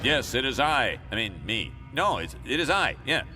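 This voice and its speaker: A man's voice: mid-range voice, sing-song, moderate pace, music in the background, natural voice. A man voicing a stuffy, hapless middle-aged school principal in a cartoon video game, formal and pedantic. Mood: awkward, resigned.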